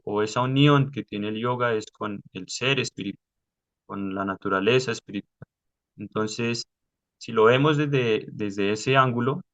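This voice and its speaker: A man leading a study class over a video call, explaining patiently step by step with many pauses. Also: on the low side, gravelly, fairly bright tone, highs cut off. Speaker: study group leader.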